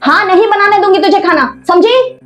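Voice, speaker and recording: A woman playing a harsh, bossy middle-aged mother-in-law who scolds and shouts at her daughter-in-law. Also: very high-pitched, moderate pace, lo-fi sound, faint music behind. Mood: angry scolding. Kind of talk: family skit acting.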